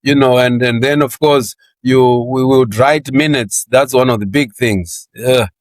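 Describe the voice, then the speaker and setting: A man from Zimbabwe in his sixties, talking about his career in a relaxed interview, laughing often and repeating words as he gets going. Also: medium pitch, a little slow, no room sound. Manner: chatty, laughs often, repeats words when starting sentences. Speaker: interview guest.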